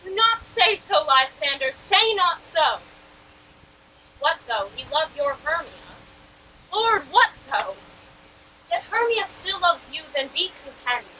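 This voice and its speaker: A woman's voice: very high voice, expressive, slow pace, bright, forceful tone, a little hiss or hum, heavily acted, poor audio. A teenage girl acting a hurt, spurned young woman in Shakespearean verse, earnest and reproachful. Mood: wistful. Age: teens. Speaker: stage actor.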